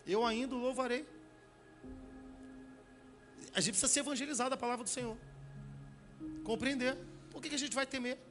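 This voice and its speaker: Man, pastor, Brazilian Portuguese accent, sermon, high voice, restarts, rhetorical questions, faint music behind. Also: fairly even intonation, a bit bright. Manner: slows down and swells in volume on key phrases.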